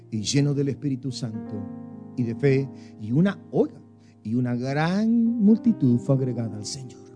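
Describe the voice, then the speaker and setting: Brief: male pastor, fairly high mellow voice, dramatic sermon delivery, soft music underneath. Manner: emphatic preaching with wide swings in pitch and loudness.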